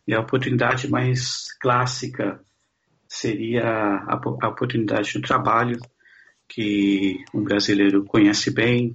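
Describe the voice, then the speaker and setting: Husky-voiced Brazilian man, halting answers. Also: mid-range voice, a bit bright, muffled recording. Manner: thoughtful, halting, many restarts. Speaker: guest social scientist. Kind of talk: conversational interview answers.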